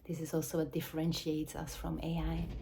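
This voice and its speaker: A woman from Switzerland, speaking English as an in a slow, searching, reflective address, often dropping into soft whispers. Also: deep voice, monotone, gravelly, a little hiss or hum. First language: Swiss German or Dutch. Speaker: mother and movement teacher. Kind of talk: reflective spoken address to camera.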